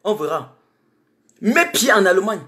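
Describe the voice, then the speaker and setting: A man's voice: sits high, sing-song, measured pace, sharp tone. A man from Cameroon, giving an emphatic, repetitive live-streamed political monologue full of rhetorical questions.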